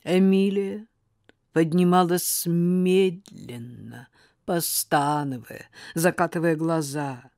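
A woman narrating an audiobook in a measured, expressive storytelling style. Her voice sits on the low side. The recording is dry and close, with no room sound. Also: no room sound.

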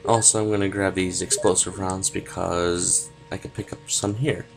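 A man's voice: low-pitched, level tone, moderate pace, vocal fry, over music, rough recording. A young man giving casual gameplay commentary, sarcastic and joking, with the odd swear word. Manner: sarcastic, swearing, jokey asides. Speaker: let's play gamer.

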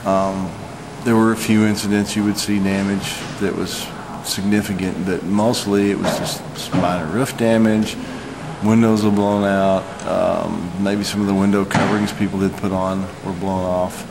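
Low-pitched, even-toned man in his forties. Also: noisy background. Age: 40s. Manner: matter-of-fact, halting delivery. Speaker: storm chaser giving an eyewitness report. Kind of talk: unscripted vlog account. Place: hotel lobby, indoors.

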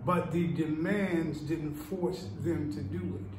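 An older man, an actor, performing an impassioned civil rights preacher's speech in a slow, oratorical delivery, filmed on a phone camera in a small tiled room. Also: on the high side, fairly even intonation. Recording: echoey room, faint hiss.

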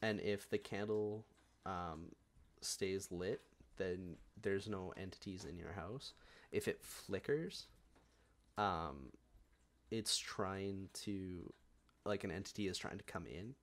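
A woman's voice: very deep voice, slow pace. A woman co-hosting a podcast in casual chat, rambling and filled with "like"s. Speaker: podcast co-host.

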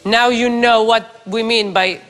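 A woman with a fairly high voice leads a drama rehearsal. She gives patient, firm instructions to young performers in a theatre studio, with faint music behind her. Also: fairly even intonation, unhurried, fairly bright tone.

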